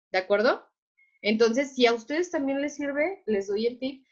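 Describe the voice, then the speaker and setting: Patient woman teacher, fairly high voice, online class, muffled call audio. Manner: patient, checks understanding with repeated questions.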